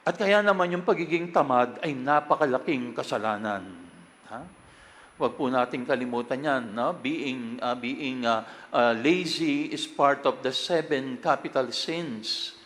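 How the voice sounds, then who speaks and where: Filipino priest, cathedral echo. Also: male voice, medium pitch, a bit bright. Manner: slow, deliberate delivery switching between English and Filipino. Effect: cathedral echo, long church reverb. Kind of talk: chanted liturgy and homily at Mass. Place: large church. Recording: long reverb of a large church.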